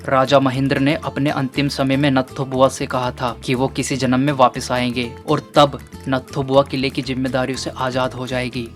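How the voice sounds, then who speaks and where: A man voicing a solemn middle-aged roadside cook who tells a ghost legend in a low, hushed voice. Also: close to an everyday voice. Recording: faint background music.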